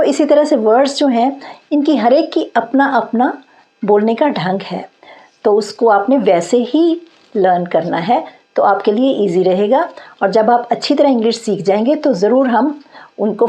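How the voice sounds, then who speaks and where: A woman's voice: fairly high pitch, mellow. A woman teaching English grammar in Hindi, patiently reading out example sentences and checking in with her learners. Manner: patient, repeats points and checks with "theek hai". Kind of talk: grammar lesson explained in Hindi.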